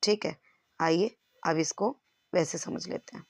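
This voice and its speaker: A woman's voice: lowish voice, steady tone, a little slow, darkish tone, no echo. Woman teacher explaining step by step. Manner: explains step by step, checks in with "clear?". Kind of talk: exam-prep lesson.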